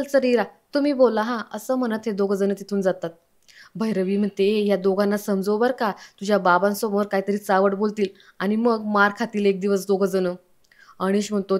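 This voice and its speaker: A woman's voice: medium pitch, normal speed. A woman with a Marathi accent retelling a television serial episode as a story, reading every character's lines herself. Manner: reads all characters' lines herself, quoting them in a mostly even tone. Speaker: serial episode recap narrator.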